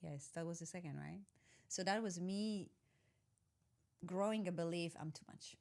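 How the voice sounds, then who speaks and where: In this conversational interview, the guest is an executive coach: a woman in her forties from Poland, Polish being her first language. Her low-leaning voice carries vocal fry at a moderate pace, and she reflects aloud, hunts for words, corrects herself, and laughs softly.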